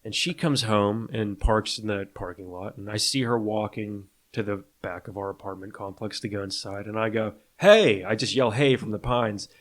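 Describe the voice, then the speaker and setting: A man's voice: lowish voice, steady tone, normal speed, few pauses. A man in his thirties co-hosting a casual podcast, telling rambling stories with frequent laughs. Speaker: podcast co-host.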